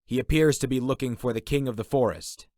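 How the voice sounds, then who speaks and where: A man's voice: mid-range voice, a little fast, darkish tone, no room sound, studio quality, pitched above the performer's own voice, natural voice. A man voicing a stern, wary male warrior who speaks formally. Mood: guarded. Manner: formal, guarded.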